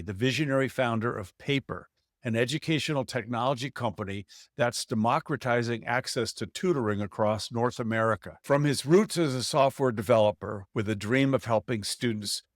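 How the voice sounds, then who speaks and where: A podcast host with a medium-pitched voice reads a polished intro for his startup podcast, then settles into casual chat with his guest. The recording is dry, with clean studio sound.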